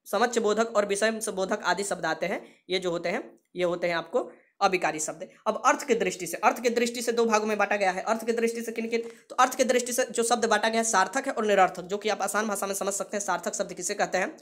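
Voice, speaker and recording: A woman teacher delivers a rapid exam-prep grammar lesson. She repeats each term several times and keeps asking her students questions, mixing English words into her explanations at a quick clip. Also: medium pitch. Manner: repeats key terms and asks the class questions.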